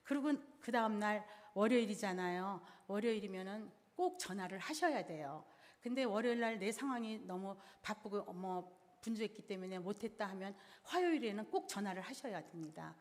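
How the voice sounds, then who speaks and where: A woman's voice: mid-range voice, animated, normal speed. A middle-aged woman giving a church seminar, explaining each step plainly and in order. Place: church hall. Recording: reverberant hall sound.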